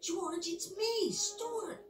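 An actor voicing a small, earnest talking mouse who speaks hurriedly down a payphone line, in distant, echoey film sound with music. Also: male voice, extremely high pitch, extremely slow, fairly bright tone, full character voice. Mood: urgent. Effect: voice heard over a payphone line. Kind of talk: film dialogue.

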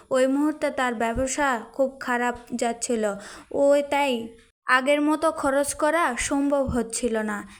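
A woman narrating a first-person family story in a plain telling voice, with a few restarts. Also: high voice.

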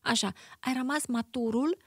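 A woman psychologist appears as a guest in a conversational interview, explaining things expressively and animatedly while acting out everyday examples. Her voice is high-pitched.

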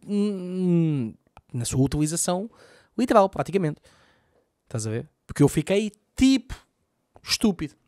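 A man's voice: a little high, darkish tone, no echo, studio quality. A man with a Lisbon Portuguese accent, hosting a solo podcast, rambling and swearing a lot as he talks. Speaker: podcast host and comedian. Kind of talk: casual solo podcast monologue. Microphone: podcast microphone.

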